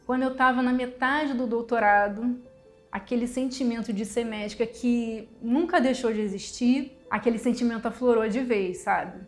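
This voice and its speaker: A woman's voice: a little high, steady tone, moderate pace, soft background music. A woman, telling her own life story in a heartfelt, conversational way, often checking in with "you know?". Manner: heartfelt storytelling, quotes family, tag questions like "sabe?" and "né?". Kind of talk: personal testimony.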